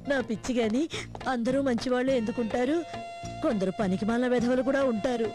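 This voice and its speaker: A woman's voice: on the high side, a little fast, over music, close to an everyday voice. An actress playing a meek, aggrieved middle-aged wife who laments her lot, in a film comedy scene. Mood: bitter. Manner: plaintive, lamenting.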